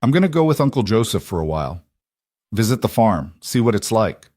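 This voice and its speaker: A man's voice: on the low side, sing-song, a little fast, a little mellow, dry recording, studio quality. A man voicing an eager young ranch hand who speaks hopefully and a little shyly.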